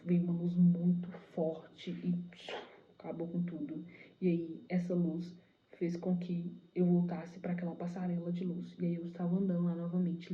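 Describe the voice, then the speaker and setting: Animated young Brazilian woman telling a testimony. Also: fairly low pitch, narrow, tinny audio. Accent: Brazilian Portuguese. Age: 20s. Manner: animated, breathless retelling full of "tipo assim" fillers. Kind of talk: personal testimony storytelling.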